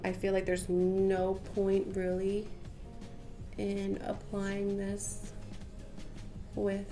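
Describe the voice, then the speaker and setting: Medium-pitched with vocal fry, a young woman stuffed up from a cold rambles chattily through a casual makeup tutorial, heavy on "um" and "like" fillers. The beauty vlogger sits in a small home room backed by patterned wallpaper, captured head and shoulders at close range by a camera, with faint music underneath.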